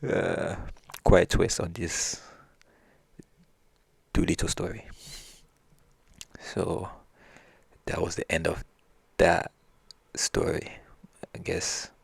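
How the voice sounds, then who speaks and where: Laid-back male storyteller, low and gravelly, husky voice. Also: slow pace, long pauses, no room sound, in a whisper. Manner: relaxed, with restarts. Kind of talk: casual folk-tale storytelling.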